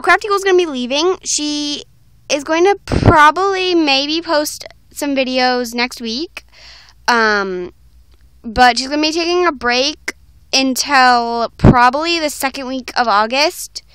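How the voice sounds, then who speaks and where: A young woman voicing a bookish female cartoon pony, talking loudly with many hesitations. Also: sits high, moderate pace, no room sound. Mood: chatty.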